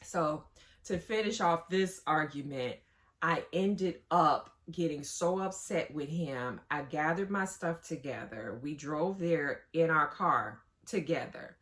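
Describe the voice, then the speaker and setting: A woman with a lowish voice tells a story in an unhurried, laughing style. She talks to her viewers like a friend and gets animated as the story builds. Her pace stays slow and easy. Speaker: co-host.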